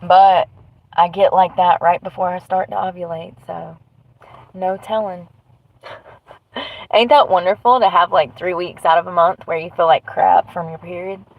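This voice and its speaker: Broadcasting live from her truck, a stuffy-nosed woman chats casually with viewers, blunt, rambling, and quick to swear. She speaks on the low side at a measured pace, her intonation fairly even. The audio sounds narrow and tinny.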